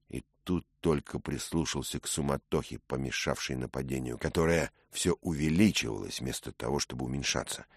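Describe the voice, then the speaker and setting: A man narrating a story in a measured, dramatic way. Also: rumbling low, no room sound, studio quality. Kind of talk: scripted narration.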